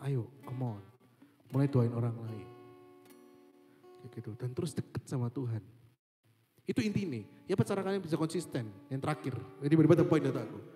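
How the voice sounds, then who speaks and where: A man's voice: medium pitch, darkish tone. A young man, giving a casual devotional talk in a chatty way, often repeating a stock phrase and mixing in English. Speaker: youth devotional speaker. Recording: echoey hall with faint guitar.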